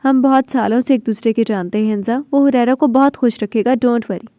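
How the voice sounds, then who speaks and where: A reassuring young man, voiced by a woman narrator in a storybook reading. He speaks with a smiling, calming tone. The voice is mellow and dry. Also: on the high side, a little fast, no room sound, natural voice.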